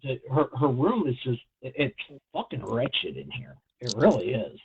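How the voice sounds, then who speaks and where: Husky man on a tinny phone-like line. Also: medium pitch, very animated. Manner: rambling, halting with fillers and restarts. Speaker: podcast co-host. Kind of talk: casual chat. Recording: phone-like narrow sound.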